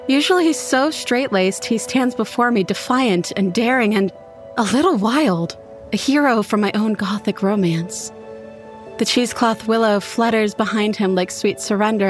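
A woman reading a first-person horror story in an intimate, expressive way. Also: mid-range voice. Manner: intimate, expressive, voices her own character's lines. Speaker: narrator.

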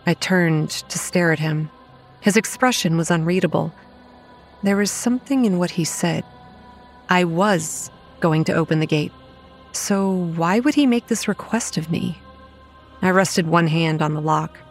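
Soft music plays beneath a wary first-person narration from a young, anxious campground manager, performed by an actress for a horror audio drama. She speaks unhurriedly in a low, natural female voice.

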